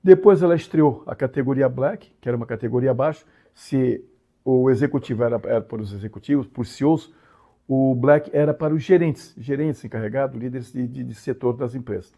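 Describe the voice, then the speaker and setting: A man's voice: mid-range voice, brisk, dark tone. A man from Brazil hosting his own channel, explaining a story in a casual monologue with frequent tag questions and emphatic swings. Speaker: channel host.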